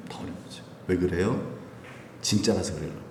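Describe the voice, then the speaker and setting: A man's voice: low-pitched, fast. A man preaching a sermon at a Friday prayer meeting, acting out quoted voices and chuckling often. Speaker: pastor. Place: church sanctuary. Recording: echoey hall, light background hiss.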